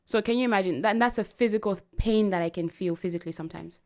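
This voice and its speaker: A woman co-hosting a podcast in casual chat, animated and laughing often as she talks. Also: medium pitch, quick pace. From Africa. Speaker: podcast co-host.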